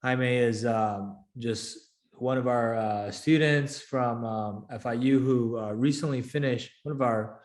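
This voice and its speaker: A man's voice: mid-range voice, a little slow, a little mellow, reverberant. A man hosting a casual interview over a video call, chatty and full of fillers. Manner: filler-heavy, loose and chatty. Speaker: interview host, founder of a career coaching program.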